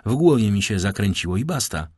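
A man reading an audiobook, voicing a timid, gentle young woman who speaks shyly and softly in a husky voice. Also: lowish voice, big pitch swings, fairly quick, no echo, clean studio sound. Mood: dismissive. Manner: shy, soft-spoken.

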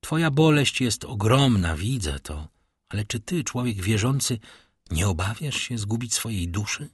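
A man voicing a noble middle-aged count who is calm, grave and tender, in a measured, solemn delivery. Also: fairly low pitch, husky, no echo, clean studio sound. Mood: earnest.

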